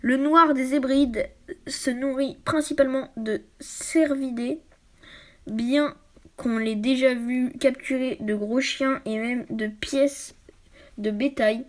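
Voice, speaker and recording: Girl reading a book out loud on her channel, high voice, keeps tripping on words and fixing them. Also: fairly even intonation. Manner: stumbles over words and corrects herself often; drops into quiet, quick asides. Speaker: YouTuber reading a book aloud. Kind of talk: casual read-aloud with asides.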